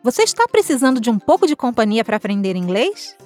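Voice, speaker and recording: A woman's voice: a little high, very animated, fast, a little mellow, faint music behind. A woman with a Brazilian Portuguese accent hosting a scripted educational podcast, explaining in a friendly, playfully teasing way. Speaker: podcast host and English teacher.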